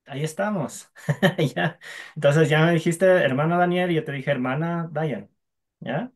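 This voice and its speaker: A man's voice: fairly high pitch, a little slow. Guy teaching a language class, patient, has students repeat sounds after him.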